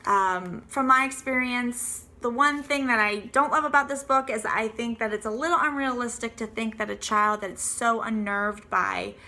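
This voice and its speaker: Bright-voiced woman reviewing a book. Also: fairly high pitch, normal speed, hardly any pauses. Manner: earnest, explanatory, occasional ums. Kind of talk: prepared book review to camera.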